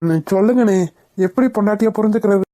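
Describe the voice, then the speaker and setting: A woman's voice: medium pitch, steady tone, fast talker, dark tone, close to an everyday voice. A woman voicing a sincere, puzzled young groom in a cartoon. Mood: earnest. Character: earnest, bashful young groom. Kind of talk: cartoon voice acting.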